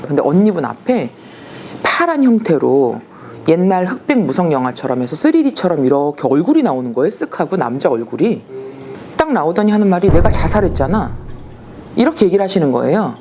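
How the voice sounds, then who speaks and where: A woman shaman recounts her experiences in a casual storytelling manner. Her low-set voice swings widely in pitch as she acts out the people she quotes. A faint hiss of noise sits under the recording. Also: very animated, brisk, warm tone.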